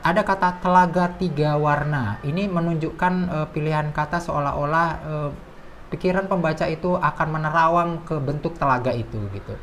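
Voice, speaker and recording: A woman's voice: low-pitched, slight background noise. A woman teacher explaining a lesson in an explanatory way, sometimes reading quoted lines in a raised voice. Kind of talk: classroom lesson.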